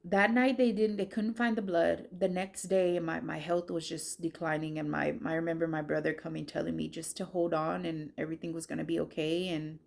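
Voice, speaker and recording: A woman's voice: deep voice, fairly even intonation, fairly quick, creaky, few pauses. A woman sharing a personal faith testimony, telling it earnestly and emotionally, often restarting her sentences.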